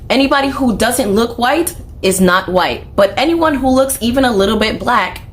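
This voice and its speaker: A woman's voice: on the high side, a little hiss or hum. Sarcastic, articulate woman commentator. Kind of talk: critical commentary.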